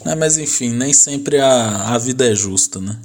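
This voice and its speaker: A man's voice: medium pitch, unhurried. Chatty man retelling TV drama. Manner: animated storytelling with slang and laughter. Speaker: podcast host. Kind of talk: casual chat, retelling TV drama.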